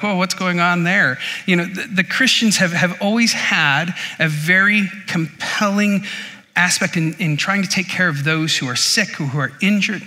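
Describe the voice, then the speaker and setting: A man's voice: high voice, sharp tone. A man preaching a sermon as pastor, in a chatty, casual way with many fillers and restarts. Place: church sanctuary. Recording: long reverb of a church hall.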